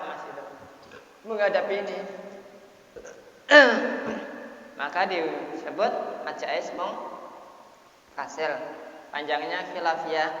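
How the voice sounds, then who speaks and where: A man teaching a Quran recitation lesson who chants the Arabic words and often clears his throat. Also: on the high side, sharp tone. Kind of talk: tajwid lesson. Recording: dull, echoey hall sound.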